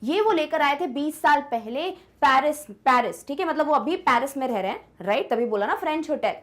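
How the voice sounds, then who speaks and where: A young woman teacher explaining an English story in Hindi, reading English lines slowly and checking if students follow. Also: high-pitched, expressive, a bit bright. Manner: switches between slow English reading and fast Hindi explanation; asks checking questions like "clear?". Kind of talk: Hindi-medium English lesson, explaining text.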